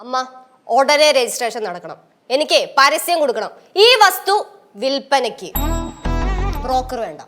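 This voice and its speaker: An actress playing a brash, pushy young married daughter in a TV sitcom. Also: female voice, sits high, sing-song, normal speed, long pauses, a bit bright. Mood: demanding. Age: young adult. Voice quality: pushy, sassy. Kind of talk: TV sitcom acting. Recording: TV sitcom with faint music.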